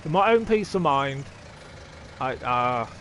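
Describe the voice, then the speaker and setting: A man's voice: medium pitch, lively intonation, slow, slight background noise. A man live-streaming a farming game, thinking aloud, chatting to viewers and swearing casually as he plays. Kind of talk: casual live-stream chat while playing.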